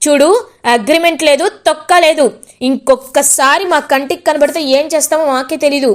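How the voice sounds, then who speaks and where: A woman's voice: sits high, fairly even intonation, a little fast, close to an everyday voice. A woman voicing a fierce, confrontational young wife in a retold serial. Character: tough blunt young wife.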